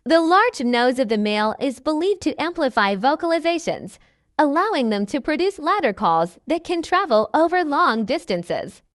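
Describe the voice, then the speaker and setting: A woman reading scripted nature documentary narration in a measured, instructional manner. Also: sits high, sing-song, no echo, studio quality.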